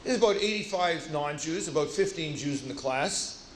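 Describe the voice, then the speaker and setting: Male lecturer, lively storyteller who acts out dialogue; roomy hall sound. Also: a little high, normal speed, slight background noise. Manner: lively, acts out dialogue, self-deprecating asides. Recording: roomy hall with faint ambience.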